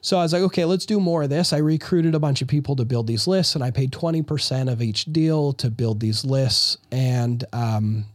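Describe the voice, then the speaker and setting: A man's voice: mid-range voice, normal speed, hardly any pauses, dry recording, clean studio sound. A man telling his business story as a guest in a casual interview, talking energetically and often restarting his phrases. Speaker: real estate investor guest.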